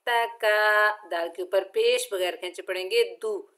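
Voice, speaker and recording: A woman teaching Quran recitation with tajweed, patiently explaining each letter and then chanting each word slowly and drawn out. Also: lowish voice. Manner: patient, methodical instruction. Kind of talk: slow step-by-step recitation lesson.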